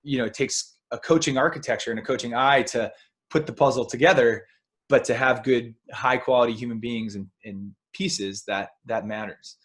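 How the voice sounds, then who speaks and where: A man's voice: mid-range voice, a bit bright. Thoughtful man hosting a podcast. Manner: thoughtful, halting, with restarts. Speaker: podcast host. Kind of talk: casual interview.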